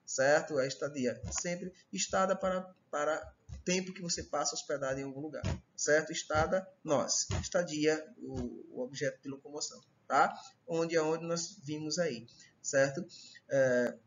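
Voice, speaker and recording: A man with a Brazilian accent gives a recorded online Portuguese grammar lesson, explaining each step and checking in with students often, frequently repeating "tá?" and "certo?". His voice sits on the high side at a normal pace, with the highs cut off and slight background noise.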